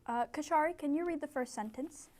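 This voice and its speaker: A young woman with a high, slightly mellow voice briskly runs a small-group English lesson as an ESL tutor, giving clear, encouraging instructions. A faraway camera captures her, with slight background noise.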